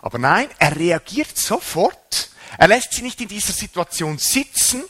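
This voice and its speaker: A man preaching a sermon in a bright, forceful voice. His pitch sits a little high and leaps about as he rises and drops for emphasis. He sounds animated and retelling, pressing each point home. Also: moderate pace, slightly rough. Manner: animated, rising and dropping sharply for emphasis.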